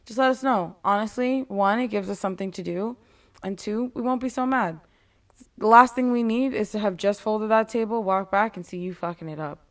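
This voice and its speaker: A woman's voice: mid-range voice, normal speed. A woman with a mid-range voice talks casually and candidly, as if laying down rules for customers. She is blunt and swears freely, slipping in sarcastic, exasperated asides. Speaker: retail worker giving advice to customers.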